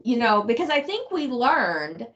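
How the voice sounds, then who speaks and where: A woman's voice: a little high, sing-song, unhurried, fairly bright tone. A woman author from Texas, talking reflectively about her book and thinking aloud with many restarts. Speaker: guest author. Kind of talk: casual discussion on a video call. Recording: muffled lo-fi call audio.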